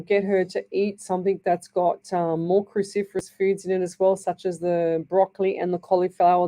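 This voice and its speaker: A woman with a fairly low, dark voice hosts live radio as a psychic medium, reading messages from the studio in a rambling, soothing chat. She comes from Northern Ireland, has an Australian accent, and sounds dry and scratchy in the throat.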